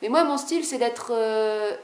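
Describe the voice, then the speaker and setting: Talking quickly to the camera, this spiritual vlogger is high-voiced, lively, laid-back and a bit rebellious in tone. Her voice echoes with reverb.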